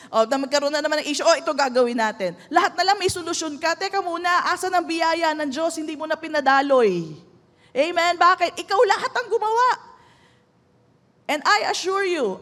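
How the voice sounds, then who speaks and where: A woman pastor with a Filipino accent and a very high voice preaches a sermon, switching back and forth between Tagalog and English and asking the congregation for amens. On key lines she slows right down to a soft hush, then rises loud again. A long hall reverb surrounds her voice.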